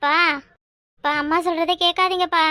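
A woman's voice: very high voice, fairly even intonation, normal speed, bright, forceful tone, dry recording, studio quality. A woman doing a begging little cartoon child. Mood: pleading. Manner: pleading, whiny appeals. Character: small child begging its father to stay.

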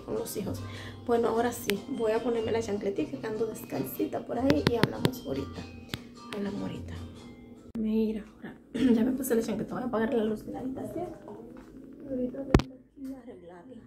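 A woman in her thirties with a fairly high voice chats candidly to a phone camera held at arm's length while doing chores in her small home. Her throat is dry and sore, and background noise mixes with music in this casual home vlog.

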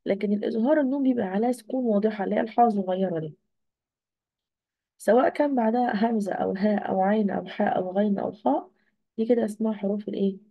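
A woman's voice: mid-range voice, very fast, vocal fry, no room sound, lo-fi sound. A woman teacher with an Egyptian accent gives an online exam review, asking questions and answering them herself. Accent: Egyptian Arabic. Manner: asks and answers her own questions.

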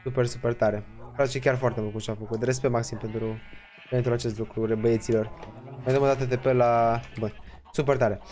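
A young man from Romania giving casual, excitable let's-play commentary, laughing often and restarting his sentences. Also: mid-range voice. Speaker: gaming YouTuber.

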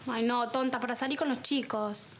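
A woman's voice: fairly high pitch, steady tone, normal speed, very noisy, natural voice. An actress playing a bold, chatty young Argentine woman. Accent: Argentine Spanish. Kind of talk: sitcom acting.

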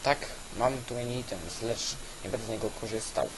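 A man giving casual, halting gameplay commentary, thinking aloud as host on an old weak microphone. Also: mid-range voice. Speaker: gaming video host. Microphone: old cheap weak microphone. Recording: constant hiss from weak microphone.

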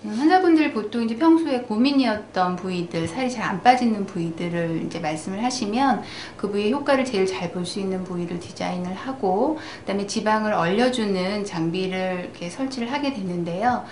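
A woman dermatologist calmly explaining a procedure in formal terms at her clinic. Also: mid-range voice. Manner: calm, measured, formal explanation. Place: clinic consultation room. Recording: echoey clinic room, faint noise.

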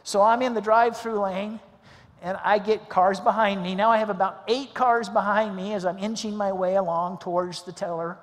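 A middle-aged male pastor preaching a sermon, telling a story in a lively way and acting out the dialogue. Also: high-pitched, moderate pace. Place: church sanctuary. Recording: long church hall reverb.

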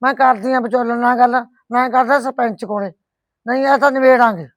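A woman's voice: on the high side, steady tone, brisk, no room sound, natural voice. A middle-aged woman playing a firm, caring village mother who scolds and comforts her daughter in a rural family drama. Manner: scolding yet comforting, blunt.

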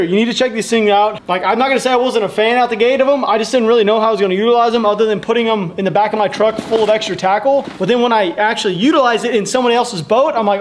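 A young man hosting a fishing video, enthusiastically pitching tackle bags to the camera in a garage. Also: a little hiss or hum. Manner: enthusiastic, rapid salesy talk. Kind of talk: casual product pitch to camera. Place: indoor garage tackle room.

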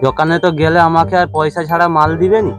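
A man's voice: fairly high pitch, little pitch movement, quick pace, music in the background, lightly acted. A man playing a sly, self-justifying drinker in a village comedy skit, sounding aggrieved. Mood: sly, wheedling. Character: defensive, sly village drinker who sells household rice.

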